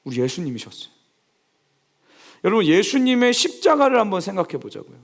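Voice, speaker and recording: A young man preaching a sermon as pastor, asking his listeners questions and acting out the people in his story. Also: fairly quick. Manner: lively preaching, asks the congregation questions; acts out quoted speech with big swings in pitch.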